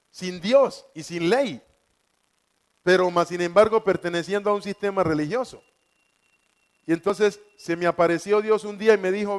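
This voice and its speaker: High-voiced man preaching. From Colombia. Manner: fervent, repeats key words for emphasis. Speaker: preacher giving testimony. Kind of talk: evangelical testimony sermon.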